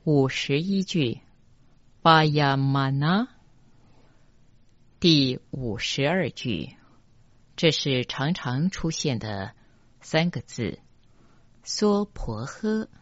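A teacher who gives a pronunciation lesson for chanting, going slowly and deliberately and repeating each line syllable by syllable. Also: medium pitch, lively intonation, no room sound. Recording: dull, dry lo-fi recording.

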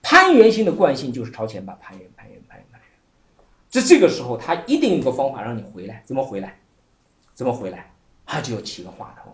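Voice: mid-range voice, sing-song, fast talker. A Buddhist teacher giving a Chan dharma talk and telling an old koan as a story, laughing often and leaning on many filler words. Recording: echoey room.

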